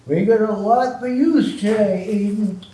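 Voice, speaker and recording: A man's voice: sits high, a little slow, warm tone, a little hiss or hum. A man performing a role in a community stage show, easygoing and jokey. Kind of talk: community stage opera acting. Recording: roomy stage sound from far off.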